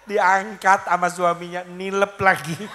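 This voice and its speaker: A man's voice: high-pitched, little pitch movement, measured pace, pushed and bright, slight background noise. A man, preaching a comic sermon to a crowd and acting out husbands and wives in jokey skits. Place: outdoor community stage.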